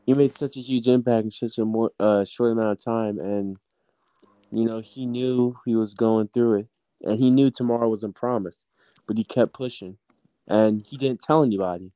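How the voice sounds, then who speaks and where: A man's voice: medium pitch, steady tone, moderate pace, warm tone, no echo, rough recording. A teenage boy co-hosting a casual podcast, speaking earnestly and steadily. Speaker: podcast co-host.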